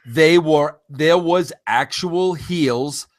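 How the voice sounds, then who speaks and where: A man hosts a relaxed interview with eager enthusiasm. His voice sits high for a man. He leans on casual fillers as he talks. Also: drawn-out words. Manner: enthusiastic, says "bro" and "you know" often. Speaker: interview host.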